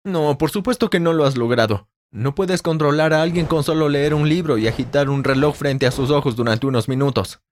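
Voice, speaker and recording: A man's voice: on the high side, brisk, few pauses, slight background noise, lightly acted. A man voicing a middle-aged father who speaks firmly and reproachfully to his son.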